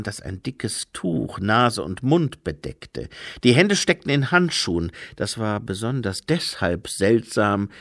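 A man narrating a novel in an expressive storytelling style, recorded on a close studio mic. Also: medium pitch, no echo. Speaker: audiobook reader. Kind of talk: scripted narration.

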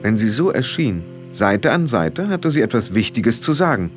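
Ein Mann liest ein Hörbuch lebhaft und ausdrucksvoll vor. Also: male voice, mid-range voice, very animated, normal speed, faint music behind. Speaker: audiobook narrator. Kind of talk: scripted narration.

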